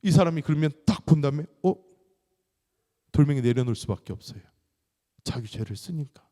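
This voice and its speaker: A man's voice: fairly high pitch, a little fast. A male pastor preaching a sermon in a church, telling stories animatedly and acting out the voices. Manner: animated storytelling with acted-out voices. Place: church sanctuary. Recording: long reverb of a large hall.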